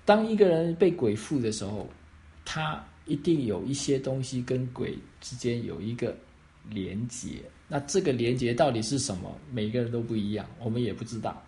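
A man's voice: mid-range voice, lively intonation, moderate pace, gravelly, warm tone. A man pastor answering questions on faith, explaining step by step and often checking that he is understood.

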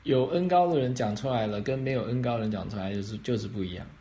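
Guy pastor answering faith questions, keeps checking u get it, middle pitch. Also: quick pace, mellow. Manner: explanatory, checks if understood.

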